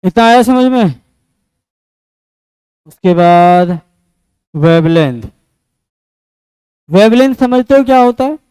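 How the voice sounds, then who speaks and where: A man's voice: high voice, expressive, takes it slowly, long pauses, smooth, no echo, rough recording. A man teaching a physics class, often asking the students a question and answering it himself. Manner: asks and answers his own questions; switches between loud and soft speech.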